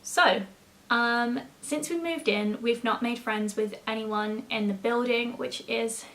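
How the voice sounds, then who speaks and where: Higher-voiced young woman, chatty. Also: slow pace, a bit bright, rough recording. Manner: informal, rambling, many "like" asides. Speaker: YouTuber. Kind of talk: casual storytime chat.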